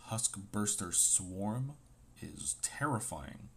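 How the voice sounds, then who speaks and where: A man with a low voice and a sore throat, talking slowly and casually as he reads out card names one by one. He drops in playful little asides between them, and faint noise sits underneath. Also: expressive, a bit bright. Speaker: host opening trading card packs. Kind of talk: casual chat.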